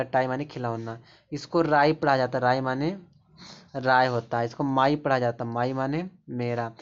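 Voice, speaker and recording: A man explaining English pronunciation rules, pointing at examples and repeating them. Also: mid-range voice. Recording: dull lo-fi recording.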